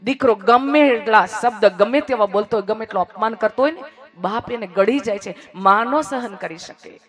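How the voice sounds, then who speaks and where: A speaker telling an emotional moral story, swinging between hushed passages and raised, emphatic lines and repeating phrases for effect. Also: medium pitch, moderate pace.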